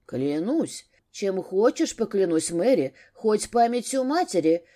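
A woman's voice: medium pitch, lively intonation, normal speed, mellow, lightly acted. Earnest husband, as a woman reads him. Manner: earnest, reassuring. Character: earnest husband soothing his wife.

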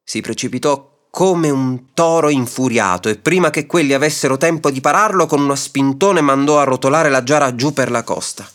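A man narrating a classic short story aloud in a measured, expressive reading. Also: mid-range voice.

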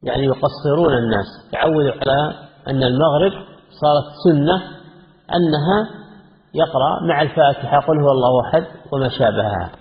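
A man giving a religious lesson, reading quoted passages from a classical text and explaining them in a measured way. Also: fairly high pitch. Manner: measured, reads quoted passages then comments. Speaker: Islamic scholar teaching a text. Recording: echoey hall, tinny phone-like lo-fi audio.

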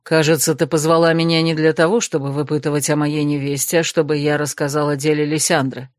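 A woman voicing a stern, aloof young male necromancer in an audiobook, speaking calmly and with restraint. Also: deep voice, a little fast, no echo, clean studio sound, voice pushed down, natural voice. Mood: restrained.

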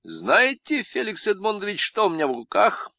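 A man voicing a convict who plays Lenin in an amateur stage show, with a sly, drawn-out, sing-song delivery. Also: sits high, sing-song, vocal fry, sharp tone, no room sound, voice pushed up, heavily acted. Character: a convict acting as Lenin, sly, burring, middle-aged man.

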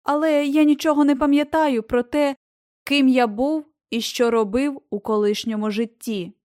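A woman's voice: high-pitched, fairly even intonation, normal speed, a little mellow, no echo, studio quality, voice pushed up, natural voice. A woman voicing a meek, childlike giant man who speaks in a trembling voice in a storybook reading. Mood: timid. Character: timid giant male ex-ruler, childlike and meek.

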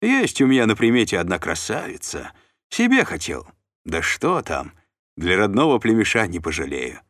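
Man playing a chubby sly noble uncle, jokey bargaining chatter, voice up high and bouncy. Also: huge pitch swings, moderate pace, fairly bright tone, dry recording, studio quality. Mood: jovial. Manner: chatty, bantering, scheming. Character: plump, sly, jovial male noble uncle.

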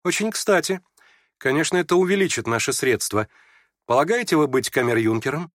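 A man's voice: fairly high pitch, animated, a little fast, a bit bright, dry recording, studio quality, voice pushed up. A man reading aloud and voicing a proud, ironic young noblewoman in a storybook reading. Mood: mock surprise. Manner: haughty, ironic questioning.

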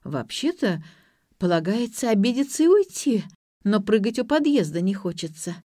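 A nosy young student teases her friend in a lively voice, as a woman reader puts her on. The voice rises and falls a great deal, recorded dry and close. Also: medium pitch, normal speed, no echo. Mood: puzzled. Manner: lively and teasing.

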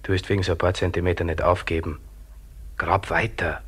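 An actor playing a stern inner voice that urges a man buried in the snow to keep counting and digging. He speaks in a breathy, hushed voice, often whispering, with terse, cold commands. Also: deep voice, flat delivery, a little fast. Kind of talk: radio drama acting.

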